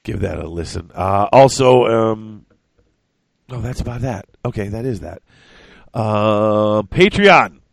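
Podcast co-host: male, lower register, wheezy and stuffed up with a chest cold, loose conversational rambling. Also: normal speed, gravelly, a little mellow, no room sound, studio quality. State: congested, short of breath with a chest cold. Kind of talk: casual rambling chat.

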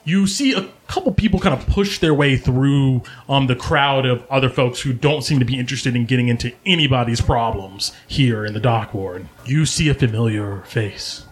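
A man's voice: mid-range voice, moderate pace, few pauses. A man narrating as game master, describing scenes in a laid-back way with many fillers.

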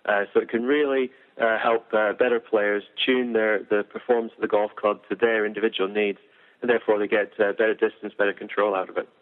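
Low-voiced man explaining golf tech. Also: level tone. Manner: measured, detailed, frequent "uh" fillers. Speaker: golf equipment engineer. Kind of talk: technical explanation in an interview. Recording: tinny phone-like audio.

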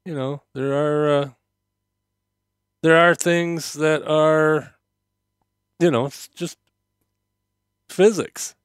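A man talks casually as the host of a solo podcast, in a slightly high, clear voice with a touch of numb-mouthed speech from dental work. He meanders conversationally, hesitating and circling back. The sound is close and dry. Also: fairly even intonation, extremely slow, pauses often, no room sound.

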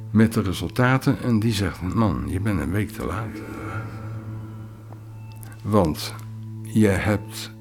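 A former orchestra conductor, a man, telling his own story in a halting, reflective way with pauses and filler sounds. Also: lowish voice, music in the background. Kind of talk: personal storytelling interview.

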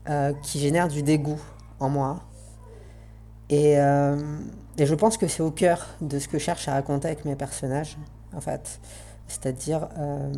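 A woman's voice run through a voice changer, pitched low and mellow. She speaks in an earnest, reflective way, pausing to find her words. Faint music plays underneath. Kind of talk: spoken essay on roleplaying games.

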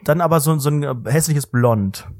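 A man's voice: on the high side, normal speed, no echo. A young man co-hosting a casual podcast, rambling with lots of fillers and restarts in a dry, ironic way. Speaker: podcast co-host.

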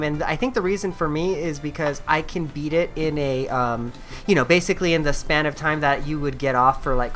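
Brief: low-pitched woman, podcast host, loose and rambling, faint music behind. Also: a bit bright. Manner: rambling, with many fillers and restarts. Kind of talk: casual podcast chat.

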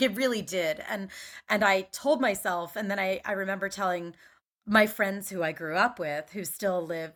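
A woman's voice: mid-range voice, a bit bright. A woman in her forties from Philadelphia, a podcast guest chatting casually with lots of fillers and restarts. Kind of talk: casual conversation.

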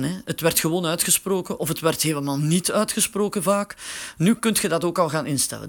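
A man leads a casual spoken tutorial in a high, lively voice. He explains step by step, slowly and with filler words, as he works a phone. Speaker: instructor.

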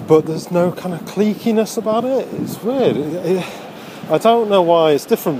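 Man vlogging over loud travel noise. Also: on the high side. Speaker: amateur stand-up comedian vlogging. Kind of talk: casual video diary. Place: on trains and outdoors in the city. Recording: loud train and street noise behind. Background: loud vehicle and urban noise.

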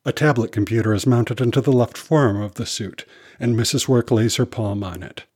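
A man narrating a scripted children's story in an animated, expressive reading voice. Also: mid-range voice, a little fast, a little hiss or hum.

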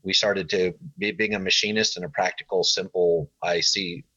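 A middle-aged man being interviewed as a podcast guest, plain-spoken with halting starts, talking casually. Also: deep voice, fairly even intonation, pushed and bright, breathy edge, no room sound, dull audio. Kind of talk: casual interview, recounting his career.

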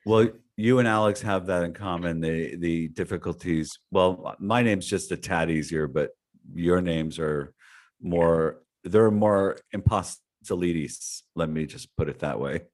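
Deep-voiced male host with a hesitant manner. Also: unhurried, a little mellow. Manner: hesitant, with many restarts and fillers. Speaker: show host. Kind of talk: casual interview chat.

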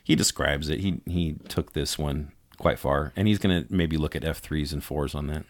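A man co-hosting a casual podcast chat, relaxed and explaining growing tips, laughing easily. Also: a bass voice, moderate pace, dry recording. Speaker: podcast co-host.

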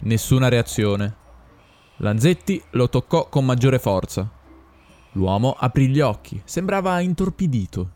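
Expressive man reading a story. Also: medium pitch, a little slow. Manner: expressive, acting out the characters. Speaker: narrator.

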